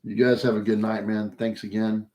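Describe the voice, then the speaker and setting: A man's voice: on the low side, level tone, moderate pace, warm tone. A man hosting a live card break, talking casually with many fillers, losing his voice after a long stream.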